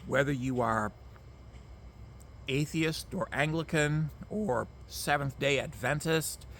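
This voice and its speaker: A man's voice: fairly high pitch, slow, fairly bright tone. A man, ranting emphatically to camera outdoors, repeating himself and swearing. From Canada. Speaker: vlogger. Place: outdoors among mosquitoes.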